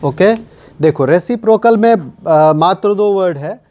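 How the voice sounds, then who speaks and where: Slow, higher-voiced man teaching. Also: dark tone, dull audio, a little hiss or hum. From India. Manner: slow explaining, repeats key words, asks and answers his own questions. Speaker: English grammar teacher. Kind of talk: classroom lesson.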